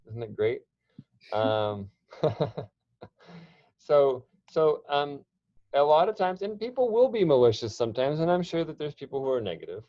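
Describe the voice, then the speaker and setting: A man's voice: medium pitch, dark tone, no echo, highs cut off. A man presenting an online workshop, talking conversationally with frequent restarts and fillers. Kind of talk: online training talk.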